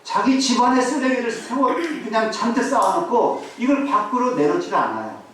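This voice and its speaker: A man preaching in a church, with a high, lively voice that climbs and dips as he tells a story. He asks the congregation rhetorical questions. The sound is very echoey, with the voice caught from a distance and a faint hiss underneath. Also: normal speed. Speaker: pastor. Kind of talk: sermon. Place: church sanctuary.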